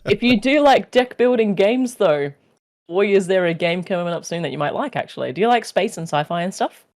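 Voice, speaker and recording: A person in their thirties with an Australian accent, co-hosting a casual podcast chat as a lively storyteller who acts out the people in their stories. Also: mid-range voice, fairly quick. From South Australia. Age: 30s. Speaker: podcast co-host.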